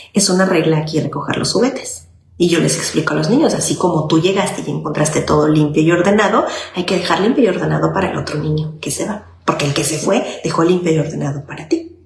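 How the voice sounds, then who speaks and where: A woman's voice: deep voice, creaky. A woman child psychologist, explaining parenting in an informal talk and often checking in with "okay?". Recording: echoey room with faint noise.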